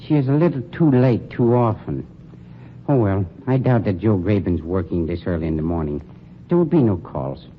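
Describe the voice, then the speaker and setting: Heard through a dull, noisy vintage radio recording, a fairly low, expressive male voice moves at a moderate pace with light acting. He portrays a slick, conniving funeral director in a 1940s radio drama, speaking smoothly and sneeringly as he condescends to his night man, in a smooth mood.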